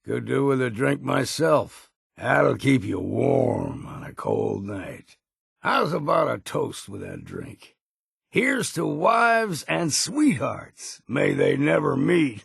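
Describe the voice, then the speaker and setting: A male actor playing a grizzled old hunter in a video game, folksy and wary, with gruff good humor and a gravelly voice. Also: medium pitch, big pitch swings, slow, a bit bright, no echo, studio quality, exaggerated voice. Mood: wry, convivial. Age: older. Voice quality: gravelly, husky. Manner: folksy, drawling old-timer phrasing. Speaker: video game companion character. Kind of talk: scripted game voice lines.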